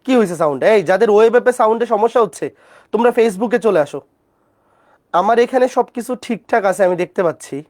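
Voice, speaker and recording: Soft-spoken Bangladeshi math tutor with a fever, lecturing live online and checking in with students often. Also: medium pitch, quick pace. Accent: Bangladeshi Bengali. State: feverish, speaking softly. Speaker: math teacher.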